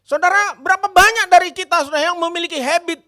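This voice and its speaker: High, bright-voiced animated preacher. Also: male voice, quick pace. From Indonesia. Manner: animated and dramatic, addressing the congregation repeatedly. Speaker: pastor. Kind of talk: sermon.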